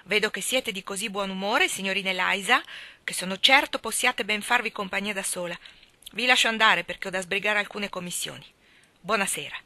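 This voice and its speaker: A woman voicing a proud, lovesick young gentleman who speaks in a tense, clipped way. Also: mid-range voice, fairly quick, no echo. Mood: cold anger.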